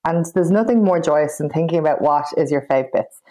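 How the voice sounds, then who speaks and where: Co-host, Irish woman. Slightly low voice, informal and jokey, easy casual chat. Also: a little fast, warm tone, rough recording. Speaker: podcast co-host.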